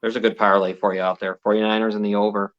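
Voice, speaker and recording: A man's voice: lowish voice, flat delivery, fast, highs cut off. A man co-hosting a sports betting show, rambling through game picks in casual chat and swearing now and then. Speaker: sports betting podcast co-host.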